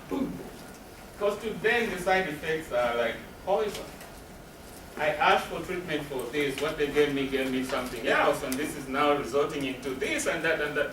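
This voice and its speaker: In a reverberant room recorded from a distance, a male counselor with a slightly high voice presents to a live audience. His manner is explanatory and emphatic, and he answers his own questions. The roomy recording carries noticeable background noise.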